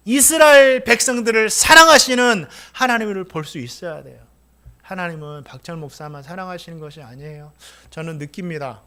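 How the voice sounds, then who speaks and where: Impassioned bright-voiced male pastor. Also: high voice. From Korea. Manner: asks the congregation questions; swings from hushed to loud, impassioned. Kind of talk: sermon.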